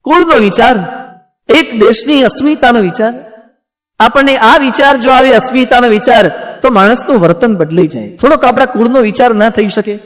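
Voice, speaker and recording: A male monk preaches to a gathered audience in a very high voice, urging and questioning his listeners as he goes. His sermon carries a long reverb from a large hall. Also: normal speed, a bit bright. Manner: exhorting, rhetorical questions. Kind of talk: sermon with storytelling.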